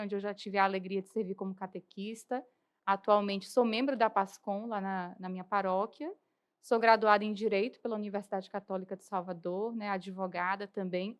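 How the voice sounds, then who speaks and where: A woman's voice: mid-range voice, smooth. A young woman from Bahia with a Bahian accent, a podcast interview guest who explains church matters earnestly and articulately, often adding tag questions. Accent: Bahian Portuguese. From Bahia, Brazil. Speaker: guest, lay church worker and lawyer.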